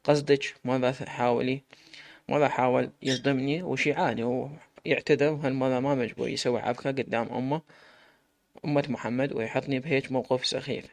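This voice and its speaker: A man's voice: medium pitch, fairly even intonation, fairly quick, dry recording, close to an everyday voice. A man voicing a flustered young woman. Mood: worried. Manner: nervous, self-questioning. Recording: loud background noise.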